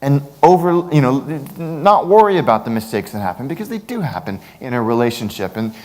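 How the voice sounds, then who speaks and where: Male keynote speaker, mid pitch, animated and jokey, live in a reverberant hall. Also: brisk. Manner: animated, jokey storytelling with big pitch swings. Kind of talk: conference keynote talk. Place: large conference hall.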